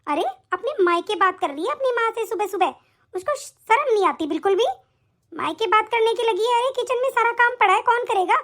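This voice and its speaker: A woman voicing a harsh, bossy middle-aged mother-in-law who taunts and scolds in an animated story. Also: very high voice, fairly quick. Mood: scornful.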